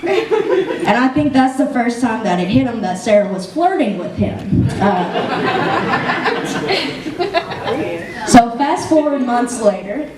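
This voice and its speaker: A woman's voice: sits high, sing-song, slow, pauses often. A young woman giving an emotional wedding toast as the best friend, laughing often and close to tears. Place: wedding reception room. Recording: echoey room, distant mic, faint noise.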